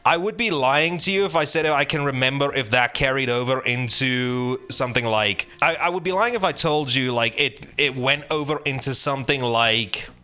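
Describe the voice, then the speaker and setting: A man's voice: mid-range voice, normal speed, few pauses, pushed and bright, smooth, faint music behind. A man chatting casually about games, rambling with many restarts and fillers, blunt and profane. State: hiccuping. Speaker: gaming channel host. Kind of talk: casual rambling game commentary.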